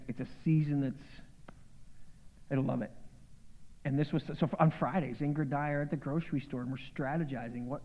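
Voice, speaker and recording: A man preaching a sermon as pastor, conversational and joking, with animated bursts. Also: medium pitch. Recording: phone-like sound with long hall reverb.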